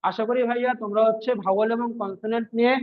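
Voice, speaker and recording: Guy teaching grammar, kinda high voice, keeps asking "ok?", sounds like over a phone. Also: steady tone, very fast, phone-quality sound. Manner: repetitive, checks understanding with frequent questions. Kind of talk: exam-prep grammar lesson.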